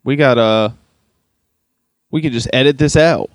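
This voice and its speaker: A man's voice: medium pitch, a little slow, no room sound, clean studio sound. A man co-hosting a podcast, mostly answering with short, agreeing replies in casual chat. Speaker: podcast co-host.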